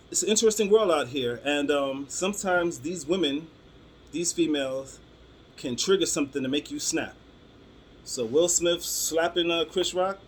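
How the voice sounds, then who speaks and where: A man's voice: a little high, slight background noise. Rambling New man telling stories. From Brooklyn, New York. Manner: loose, rambling delivery with frequent "um"s and restarts. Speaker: vlogger telling personal stories. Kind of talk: casual storytelling to camera.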